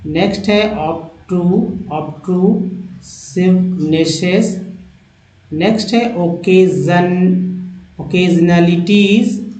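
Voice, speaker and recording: A man's voice: sits high, darkish tone, roomy sound, poor audio. A man teaching English vocabulary, sounding out long words syllable by syllable and coaxing viewers along with friendly asides. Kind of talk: spoken English vocabulary lesson.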